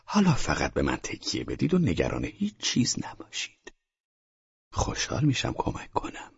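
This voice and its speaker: A man's voice: a bass voice, very animated, creaky, breathy edge, no echo, highs cut off, heavily acted. A man voicing a cruelly sarcastic male neighbor who mocks a helpless captive in an audiobook. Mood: mocking. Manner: sneering and mock-soothing, slow in parts.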